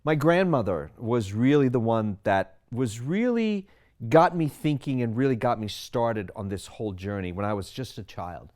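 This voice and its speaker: Speaking to camera, a sixty-something Sri Lankan physician lays out his wellness philosophy, posing rhetorical questions as he explains. He has a mid-range, somewhat dark voice.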